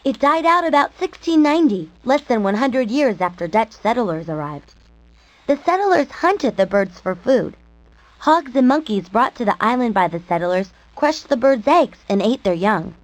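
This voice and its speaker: A woman's voice: fairly high pitch, sing-song, normal speed, rough recording. A woman giving scripted narration for an educational nature program.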